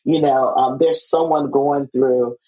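A woman is hosting a conversational podcast interview. She speaks casually and affirmingly. Her sentences come out haltingly, with small hesitations as she gathers the thought. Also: a bass voice, steady tone, warm tone, rough recording. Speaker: podcast host.

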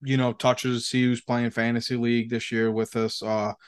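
A man's voice: medium pitch, little pitch movement, normal speed, clean tone. A man co-hosting a podcast in casual chat, rambling and slangy, with plenty of swearing. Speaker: podcast co-host.

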